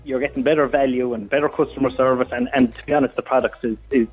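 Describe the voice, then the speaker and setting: A man's voice: medium pitch, steady tone, fast, breathy edge. A man with a west of Ireland accent chatting casually as a business owner and guest on a radio phone call, often repeating short phrases. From County Mayo, Ireland. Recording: phone call over music.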